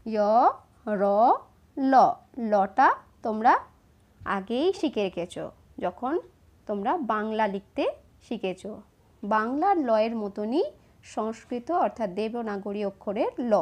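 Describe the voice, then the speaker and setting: A woman, slowly and patiently explaining each step of writing letters to children. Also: on the high side, lively intonation, darkish tone. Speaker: teacher. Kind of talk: handwriting lesson for children.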